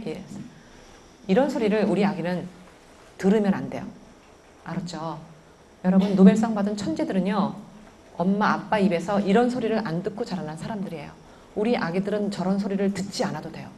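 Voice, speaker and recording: Animated woman lecturing a crowd. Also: medium pitch, slight background noise. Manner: animated, keeps quizzing the audience. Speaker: parenting lecturer. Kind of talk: lively lecture to an audience.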